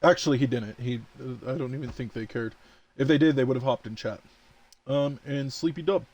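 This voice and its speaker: Streaming live gameplay, a man with a medium-pitched, darkish voice talks a little fast, bragging and playfully trash-talking to his chat even as he yawns from tiredness. The recording is dry.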